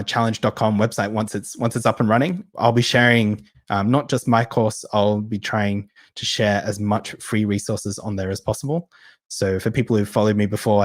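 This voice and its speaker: A man's voice: on the low side, dry recording. A man hosting a casual live Q&A, reading out viewer questions and answering in a chatty way with lots of ums and restarts. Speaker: host of a live Q&A session.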